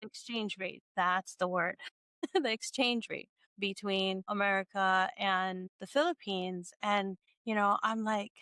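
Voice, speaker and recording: A middle-aged woman hosts a casual interview. Her voice is smooth and resonant, recorded dry and close. She rambles warmly, laughs often and restarts her sentences as she thinks aloud. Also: mid-range voice, no echo. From Hawaii. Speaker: podcast host.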